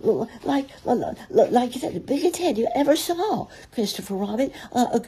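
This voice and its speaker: A woman voicing a small, timid, panicky young male piglet from a storybook, stammering and gasping in a breathy squeal. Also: sits high, big pitch swings, measured pace, warm tone, voice pushed up. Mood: breathless, flustered. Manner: stammering, gasping, repeating words. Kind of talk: storybook character voice.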